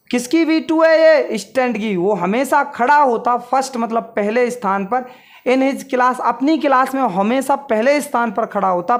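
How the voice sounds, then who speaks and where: A man teaching English through Hindi. He explains a story word by word, asking and answering his own questions and repeating the key words. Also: very high voice. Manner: drills vocabulary with repeated question-and-answer, asks pupils to take screenshots.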